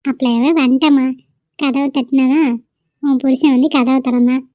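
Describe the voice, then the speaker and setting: A nosy middle-aged cartoon aunt, played by a woman who teases and pries. Her voice sits high and playful. The recording is dry and close. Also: flat delivery, moderate pace, dry recording, muffled recording, natural voice. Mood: teasing. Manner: playful, prying. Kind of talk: cartoon voice acting.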